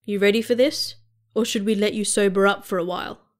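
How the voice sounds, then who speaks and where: A woman's voice: mid-range voice, steady tone, brisk, natural voice. A woman voicing a cool-headed Martian first officer. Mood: dry.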